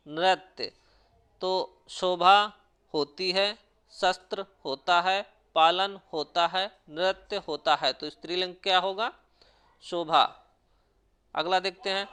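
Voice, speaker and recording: Man, exam-prep teacher, quiz questions with options, somewhat high, crisp smooth tone. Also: bright, forceful tone. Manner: reads out quiz questions and options, then explains answers.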